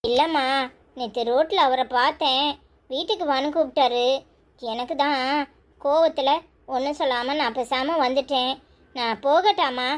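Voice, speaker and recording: A woman's voice: high-pitched, normal speed, natural voice. A woman voicing a young village wife in a cartoon, grumbling and scolding. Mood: remorseful. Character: young village wife, sulky and sharp-tongued. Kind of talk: cartoon storytelling.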